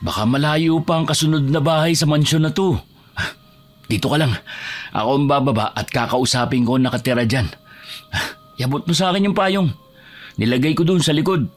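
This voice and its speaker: A man's voice: fairly high pitch, brisk, pauses often, lightly acted. A young man acting as a cocky older brother driving in a storm, boastful, teasing and stubborn. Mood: firm. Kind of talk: horror audio drama acting.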